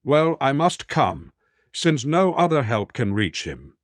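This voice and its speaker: A stern old wizard, as a man reads him speaks gravely and deliberately, in a middle pitch. The storybook audio is dry and close. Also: big pitch swings, no echo.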